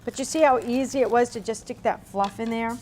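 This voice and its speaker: A woman with a slightly high, somewhat mellow voice and a fairly quick pace hosts an informal cooking show, chatting step by step with homey remarks. She comes from Cape Cod and also grew up partly in Berlin in a US military family; background room noise is noticeable.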